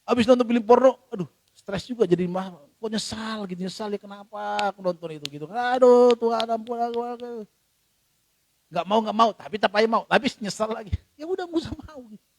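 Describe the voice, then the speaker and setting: A male pastor with an Indonesian accent delivers a sermon in a lively, animated way, his voice sitting high. He jumps between loud and soft and acts out quoted voices. The sound is dry and close. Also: fast talker, dry recording. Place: church.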